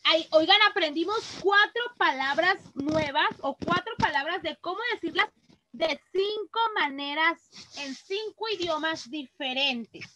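Very high-voiced Mexican teacher, slow and bright. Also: female voice, poor audio. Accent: Mexican Spanish. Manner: patient, reads words aloud slowly and clearly. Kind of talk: online class for children.

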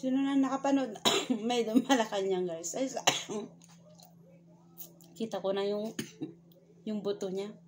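A woman's voice: mid-range voice, steady tone, slow, long pauses, background noise. A woman food vlogger talking casually to her viewers while chewing with her mouth full. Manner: chatty, addresses viewers as guys. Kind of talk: casual mukbang chat to viewers.

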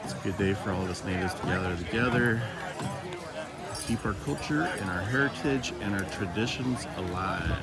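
Low-voiced man chatting on an outdoor livestream. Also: moderate pace, a loud crowd. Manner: laid-back, friendly, thanking viewers. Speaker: livestream host. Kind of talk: casual livestream chat. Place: outdoors on a grassy field at a gathering. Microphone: phone held by the speaker filming.

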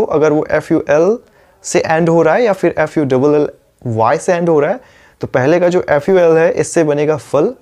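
A man with an Indian English accent and a slightly high voice gives a YouTube pronunciation lesson. He is patient and repeats each word slowly. He keeps asking the viewer whether they are following along. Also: a little mellow. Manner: checks in often with rhetorical questions. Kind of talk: YouTube lesson, explaining in Hindi.

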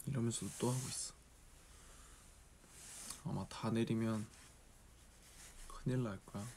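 Late at night in a dim room, a twenty-something idol mumbles drowsily and wanders from topic to topic as he chats alone with livestream viewers, his phone camera held at arm's length. His accent reflects a regional Korean dialect. His voice is fairly low, steady and warm, a little slow, with slight background noise.

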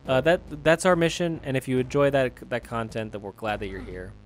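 Brief: young male let's-play co-host, mid-pitched, very animated, rambling jokey banter. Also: brisk, slight background noise. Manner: rambling, joking, laughs often. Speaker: co-host of a gaming channel. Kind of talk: casual gameplay commentary.

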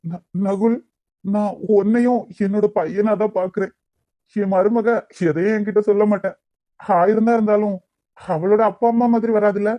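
A woman's voice: mid-range voice, steady tone, moderate pace, mellow, lightly acted. A woman voicing a grieving old grandfather in a cartoon, with a Kanyakumari Tamil accent, sorrowful and reproachful. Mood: pleading. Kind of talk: cartoon voice acting.

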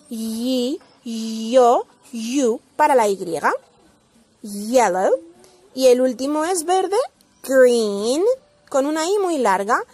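A woman's voice: fairly high pitch, no room sound. Woman teacher from Spain, models English words then explains them, dry close recording. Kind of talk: slow pronunciation lesson.

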